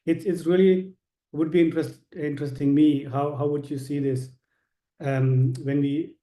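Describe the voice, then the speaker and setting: A man's voice: on the high side, little pitch movement, normal speed, mellow, echoey room. A man from Sri Lanka, a course participant, sharing his thoughts on a video call in a rambling way, with many fillers.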